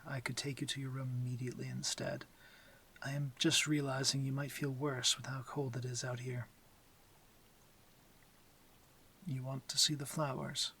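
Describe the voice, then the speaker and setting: Gentle and formal in mood, a man portrays a commanding yet courteous and protective vampire lord for an intimate ASMR audio drama. He speaks softly in measured, formal phrasing that often turns whispery, his natural, medium-pitched voice carrying slight background noise.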